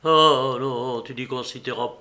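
A man's voice: medium pitch, fairly even intonation, unhurried, pushed and bright. A man voicing a desperate, tormented young male lover in an audiobook, with impassioned, pleading delivery. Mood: anguished.

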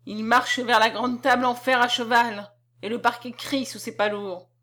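A woman narrating a classic novel aloud in a dramatic, expressive storytelling manner. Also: a little high, moderate pace. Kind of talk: literary reading.

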